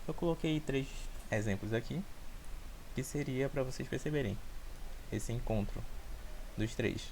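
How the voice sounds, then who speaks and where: Brazilian man, mid pitch, patient teaching delivery, faint noise. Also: unhurried, vocal fry, darkish tone, poor audio. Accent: Brazilian Portuguese. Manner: patient, repeats points, checks in with listeners. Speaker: student teacher. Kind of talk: recorded class presentation.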